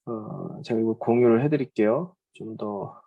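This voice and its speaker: A man's voice: on the low side, moderate pace, creaky, narrow, tinny audio. A man teaching a Bible overview lecture in a conversational way, with frequent hesitant fillers. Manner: conversational, often acts out quoted speech.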